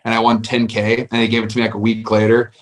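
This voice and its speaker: A man's voice: lowish voice, monotone, fast talker. A man, a football player, chatting upbeat on a podcast, often saying "like". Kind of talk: casual chat.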